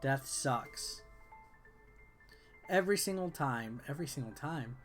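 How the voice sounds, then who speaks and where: A game reviewer and video host, a man with a medium-pitched voice, speaks in an animated but slightly slow way. He gives casual, offhand gameplay commentary and reads game text aloud while game music plays underneath.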